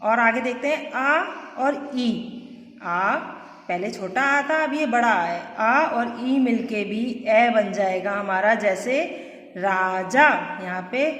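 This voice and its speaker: Slow-paced woman teacher, echoey room. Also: a little high, expressive, a bit bright. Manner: slow, explaining step by step with repeated questions. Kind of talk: classroom grammar lesson. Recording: echoey room with long reverb.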